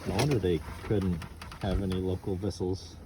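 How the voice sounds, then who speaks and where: A man's voice: sits low, steady tone, normal speed. A man chatting casually as crew on a sailboat, recorded outdoors. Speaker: sailing crew member. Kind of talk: casual chat. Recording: very loud boat and water noise.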